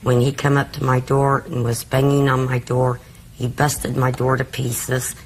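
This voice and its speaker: A woman's voice: rumbling low, monotone, measured pace, noisy background. A middle-aged woman testifying as a litigant, telling her story in a rambling, colloquial way. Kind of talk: courtroom testimony.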